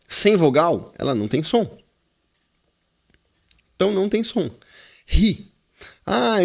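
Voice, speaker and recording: A man with a Brazilian Portuguese accent teaching a class, explaining slowly and repeating words while quizzing his students. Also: a little high. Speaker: Hebrew teacher. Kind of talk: classroom lesson.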